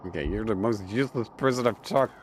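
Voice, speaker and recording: A man's voice: on the low side, fast, a little hiss or hum. A man commenting on a mystery game playthrough in a sarcastic, joking way. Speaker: gamer.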